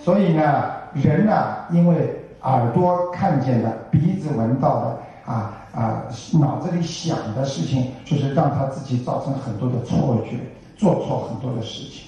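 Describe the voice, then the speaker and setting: A man's voice: medium pitch, moderate pace, few pauses, mellow, muffled recording. Older man giving an echoey Buddhist talk. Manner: folksy, full of rhetorical questions. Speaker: Buddhist teacher. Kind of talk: Buddhist dharma talk to an audience. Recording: echoey hall from far off.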